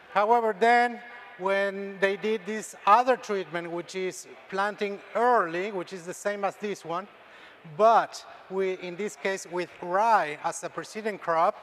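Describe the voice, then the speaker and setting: A middle-aged man with an Argentine accent gives a conference lecture in a fairly high voice. He stumbles and repeats words, and he keeps tagging "okay?" onto his points. A faint hiss sits under the recording. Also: fairly bright tone. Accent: Argentine Spanish. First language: Spanish. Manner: frequent restarts and tag "okay?". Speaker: extension dairy scientist, presenter. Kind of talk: conference talk with slides.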